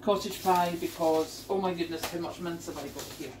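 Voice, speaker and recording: Unpacking her shopping in her home kitchen, a middle-aged woman from the UK talks casually to a camera pointed down at the counter, reacting with surprise to what things cost. She speaks at a normal speed in a fairly low, fairly even voice over a noisy background.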